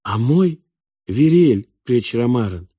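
A man's voice: on the high side, normal speed, dark tone, no echo, clean studio sound, voice pushed up, close to an everyday voice. A man voicing an earnest young boy from another planet who explains things in a plaintive, eager way. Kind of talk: audiobook character voice.

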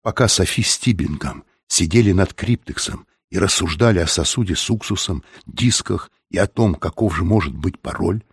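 A man narrates a novel with measured, steady pacing, his voice deep and husky. The sound is dry and close, with no room around it. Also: dry recording. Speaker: audiobook narrator.

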